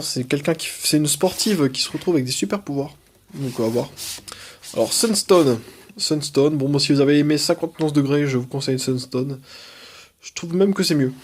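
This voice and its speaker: A man's voice: fairly high pitch, a little mellow. A young man casually reviewing his comics collection, enthusiastic, with frequent hesitations and fillers.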